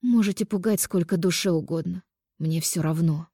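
A woman's voice: on the low side, moderate pace, mellow, husky, no room sound, clean studio sound. A woman voicing a defiant young fairy woman in an audiobook, with a raised, tense, protesting voice.

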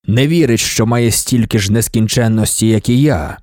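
A man reading an audiobook, voicing an ancient god-emperor in a low, slow, commanding tone. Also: darkish tone, no room sound, clean studio sound, close to an everyday voice. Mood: stern.

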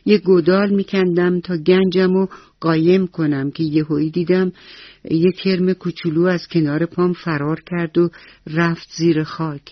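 A woman's voice: lowish voice, fairly even intonation, no room sound, muffled recording, close to an everyday voice. A woman voicing an anxious, kind-hearted little girl who talks in an earnest, worried way.

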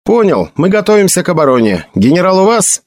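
A man voicing a young male guard captain who shouts commands to his troops. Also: high voice, big pitch swings, a little fast, dry recording, studio quality, voice pushed up. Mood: shouting orders. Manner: shouts orders.

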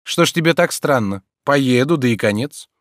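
A man reading an audiobook, voicing an idle, irritable gentleman who snaps impatiently at his servant. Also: medium pitch, expressive, moderate pace, no room sound, clean studio sound, voice pushed up, natural voice. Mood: exasperated. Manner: impatient, exasperated. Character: idle, irritable young male landowner.

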